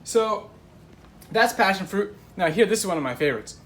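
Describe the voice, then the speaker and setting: A man with a high voice, lively intonation and normal speed acts as a guest presenter of tropical fruits, demonstrating and explaining in a casual, instructive, enthusiastic way. The recording has a roomy echo and clear background noise.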